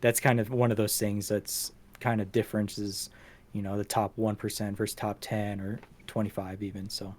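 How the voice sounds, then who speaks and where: This podcast host has a fairly low, slightly mellow voice and speaks at a normal speed in a level tone. He rambles casually through the show's stats, poking fun at himself along the way.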